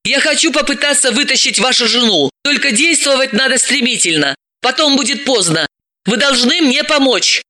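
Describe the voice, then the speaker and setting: A man doing an anxious, brisk woman psychoanalyst. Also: very high voice, lively intonation, sharp tone, voice pushed up, exaggerated voice. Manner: nervous and brisk.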